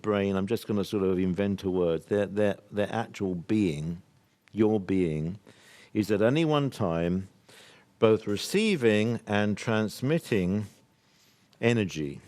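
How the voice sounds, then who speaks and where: Older man from the uk, lowish voice, earnest workshop lecture, emphatic, rambling. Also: moderate pace, dark tone. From United Kingdom. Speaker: workshop speaker. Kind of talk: live workshop talk to an audience.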